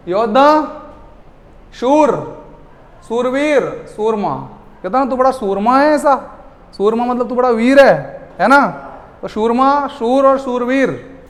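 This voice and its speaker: A man with a very high-pitched voice teaches a class and keeps firing questions at the students before answering them himself. His voice rings out with a long echo, as if in a large hall. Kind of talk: classroom lecture.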